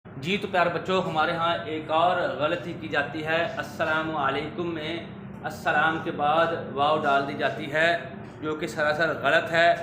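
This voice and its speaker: A man teaching word pronunciation to children, drawing words out slowly and quizzing with rising questions. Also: fairly high pitch, level tone, background noise. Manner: slow, drawn-out repetition of words. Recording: echoey room with faint ambience.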